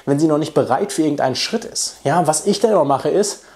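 A man's voice: a little high, expressive, fast, mellow. A young man as a dating coach talking straight to the camera in a casual way, acting out quoted lines in changed voices. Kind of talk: direct-to-camera coaching talk.

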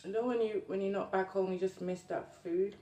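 A woman's voice: medium pitch, steady tone, brisk, dark tone. A young Jamaican-accented woman chatting casually to viewers while eating, chewing as she talks with her mouth often full. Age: young adult. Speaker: mukbang vlogger. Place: small indoor room at a table. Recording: roomy, distant mic with faint noise.

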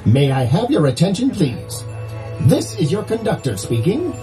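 Man doing a train conductor, loudspeaker announcement after a chime, booming, ceremonious, music behind. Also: sing-song, moderate pace. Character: grand male train conductor, theatrical. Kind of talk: theatrical welcome announcement.

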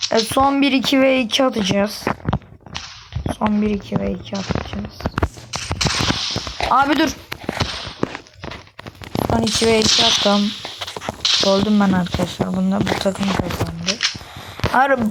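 Excitable young woman gaming commentary. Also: fairly high pitch. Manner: excitable, swears under breath, talks to viewers. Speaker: gaming YouTuber. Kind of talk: casual game commentary. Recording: noisy home recording.

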